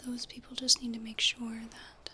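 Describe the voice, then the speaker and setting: A woman in a whispered role-play as an ear-exam clinician, speaking in a soft, breathy whisper with a gentle, reassuring manner. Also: on the high side, level tone, slight background noise. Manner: gentle, unhurried, reassuring explaining. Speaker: ASMR performer playing an ear-exam clinician.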